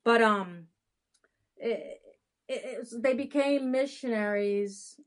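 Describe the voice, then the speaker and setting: A woman in her thirties who was born in Haiti and works as an adoption consultant chats openly during a casual interview, frequently restarting. Her voice is a little high and her pace slow.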